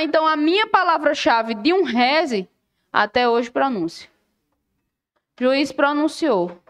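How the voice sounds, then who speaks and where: A law teacher with a high, bright voice runs a lively exam-prep lesson. She keeps firing questions at her students and then answers them herself.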